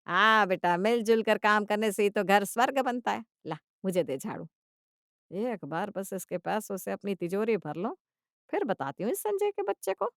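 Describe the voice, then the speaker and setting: Woman putting on a scheming older mother-in-law, sugary coaxing, loud outbursts, dry sound. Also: mid-range voice, lively intonation, moderate pace, dry recording.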